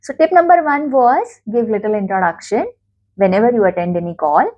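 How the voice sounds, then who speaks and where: A woman's voice: mid-range voice, lively intonation, a little fast, highs cut off. A young woman with an Indian accent, earnestly teaching workplace phone manners and acting out sample calls. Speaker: workplace trainer. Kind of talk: talking-head training talk.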